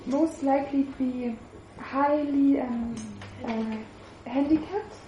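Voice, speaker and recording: A woman interpreting a church testimony live, halting and searching for words with many fillers. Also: high-pitched, lo-fi sound, a little hiss or hum. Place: church hall. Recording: roomy hall echo.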